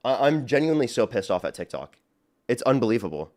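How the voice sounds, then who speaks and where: A man's voice: mid-range voice, big pitch swings, fast. A young man hosting a livestream, ranting angrily and swearing a lot. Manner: angry, swearing, rants loudly. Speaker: livestream debate host. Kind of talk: heated livestream talk.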